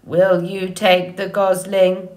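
The friendly female robot of the audiobook story is voiced by a woman with a lowish, a little mellow tone and an utterly flat delivery. She stays measured and formally polite, earnest, and never uses contractions.

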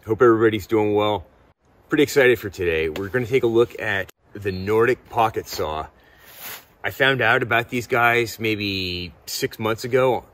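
A middle-aged man stands in snow-covered woods reviewing gear on camera, easygoing and casual, using excited slang. He speaks in a lowish voice with a touch of brightness.

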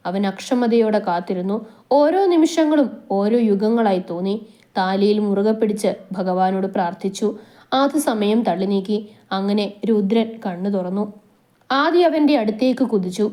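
A woman narrating a romantic story in a soft, steady, intimate reading voice. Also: fairly high pitch.

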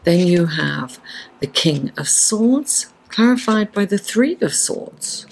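Slow, low-pitched raspy middle-aged woman. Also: expressive, slight background noise, low-quality recording. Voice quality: slightly raspy. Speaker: astrologer and tarot reader, host. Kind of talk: unhurried weekly horoscope and tarot reading to camera. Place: indoors, seated at a table.

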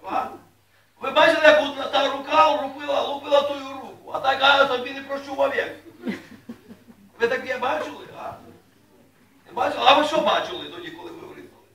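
High-voiced man preaching in an echoey hall. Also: a little fast, vocal fry, long pauses. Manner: folksy, asks the congregation questions, rises to loud reading. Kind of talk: sermon. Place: church hall. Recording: echoey room, mic at a distance.

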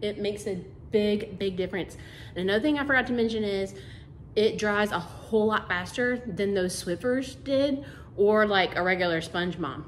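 Talking to camera in her home's carpet-free living room, a woman who vlogs about cleaning chats casually about the topic. Her mid-range voice moves at a moderate pace with a chatty, homey feel and fillers like "like" and "um," in a reverberant room with slight background noise.

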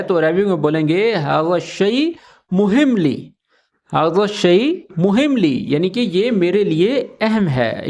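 A man with a Pakistani Urdu accent giving a casual Arabic lesson, repeating each phrase slowly and often checking in with the listener. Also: sits high. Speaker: Arabic teacher. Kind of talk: casual spoken language lesson.

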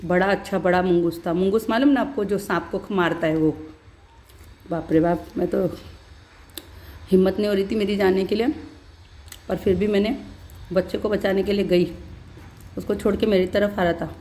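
A woman's voice: mid-range voice, steady tone, warm tone. A middle-aged woman vlogger talking casually to her viewers, telling a story between bites and calling them "beta". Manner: pauses while chewing.

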